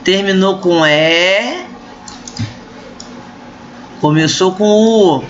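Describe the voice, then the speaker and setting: A woman's voice: medium pitch, drawn-out words. A woman with a Brazilian accent explains a literature lesson to her students in a recorded online class, often checking in with them as she goes. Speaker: literature teacher. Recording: muffled lo-fi recording.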